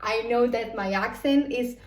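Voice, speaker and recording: A woman's voice: fairly high pitch, a little slow. A young woman from Spain with a Spanish accent, chatting casually in a cooking vlog and repeating herself for emphasis. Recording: echoey room, a bit far from the mic.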